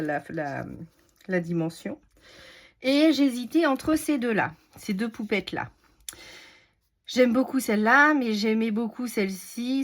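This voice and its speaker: A woman's voice: mid-range voice, a little hiss or hum. A woman talking through her art supplies and collage in a casual craft tutorial, hesitant and full of fillers. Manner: chatty, hesitant with many fillers. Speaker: craft vlogger.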